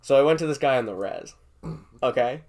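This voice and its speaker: A man's voice: mid-range voice, normal speed, vocal fry, a little mellow. A young man hosting a casual podcast, rambling through jokey stories and laughing often. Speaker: podcast host. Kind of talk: casual chat.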